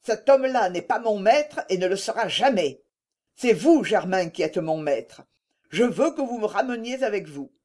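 A woman's voice: a little high, very animated, a little slow, a little mellow, voice pushed up. A woman voicing a proud, earnest young peasant shepherdess in a read-aloud story.

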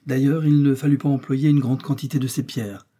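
Dark, husky male audiobook narrator. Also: mid-range voice. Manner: slow, expressive reading. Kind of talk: scripted narration.

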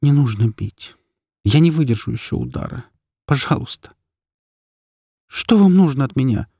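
A man's voice: medium pitch, expressive, moderate pace, gravelly, warm tone, husky, no room sound. Guy doing a scared young captive woman, shaky and begging, dry audiobook sound. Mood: pleading. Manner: trembling, pleading. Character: frightened young woman held captive, pleading. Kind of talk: audiobook character voice.

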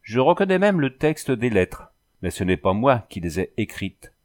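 A man's voice: medium pitch, big pitch swings, normal speed, lightly acted. A man voicing a distraught young woman back from some otherworld, speaking in a trembling, pleading way. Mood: shaken.

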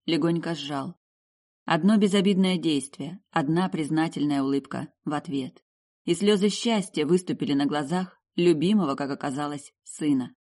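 A woman reading an audiobook narration in a measured, even way. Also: low voice.

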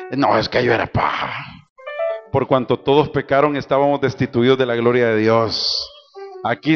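A man preaching a sermon, calling out to his congregation and swinging between loud cries and soft asides. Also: medium pitch. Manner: preaching with call-and-response to the congregation. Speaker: pastor. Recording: dull lo-fi church recording with music.

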